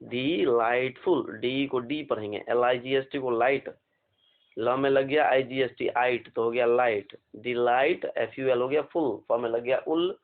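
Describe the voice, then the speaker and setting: A man teaching an exam vocabulary lesson, slowly spelling out words letter by letter and asking questions. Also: mid-range voice, fairly even intonation. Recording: phone-like narrow band.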